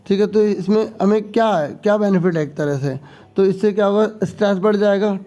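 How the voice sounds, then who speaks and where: A man teaching an exam-prep lesson, who reads each question out slowly and then explains it step by step, often checking in with the class. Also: sits high, mellow.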